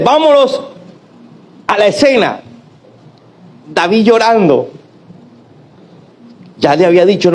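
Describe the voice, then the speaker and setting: A male pastor preaches with animated energy in a fairly high voice. He acts out the lines of the people in his stories and keeps calling out to the congregation for a reply. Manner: animated preaching with acted-out quotes and call-and-response. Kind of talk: sermon.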